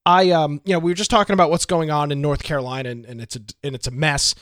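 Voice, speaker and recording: A man's voice: on the high side, steady tone, fast, a bit bright, no echo, studio quality. A man hosting a political talk show, delivering opinionated commentary with many rhetorical questions.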